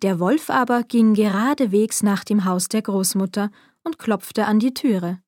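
Calm female storyteller, measured fairy-tale narration, dry read. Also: medium pitch, no echo.

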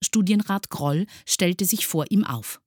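A woman reading a children's book aloud in a calm, expressive storytelling manner. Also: lowish voice, slow pace, no echo, studio quality. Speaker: reader.

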